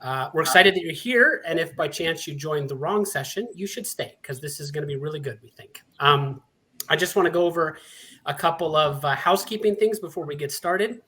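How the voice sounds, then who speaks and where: A man's voice: on the high side, expressive, fairly quick, pushed and bright. A man in his forties from Montana hosting a conference session, with a friendly, chatty, self-deprecating manner. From Montana, USA. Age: 40s. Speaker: session host and panelist. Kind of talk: conference presentation.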